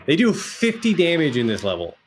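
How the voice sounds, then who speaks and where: A man's voice: a little high, wildly swooping pitch, brisk, noisy background. A young man giving casual, laid-back commentary while streaming a video game, chatting and swearing freely. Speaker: gaming streamer. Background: game music.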